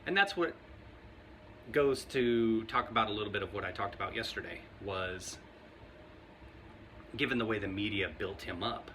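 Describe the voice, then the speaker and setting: A man's voice: on the low side, normal speed, long pauses, pushed and bright, a little hiss or hum. A man vlogging casual commentary to camera, talking in a rambling, conversational way and often laughing.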